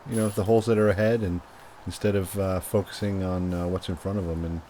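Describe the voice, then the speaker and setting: A man giving measured, analytical golf-style commentary on a disc golf tournament, explaining shots and holes. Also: low-pitched, flat delivery, noisy background. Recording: music behind the voice. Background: music.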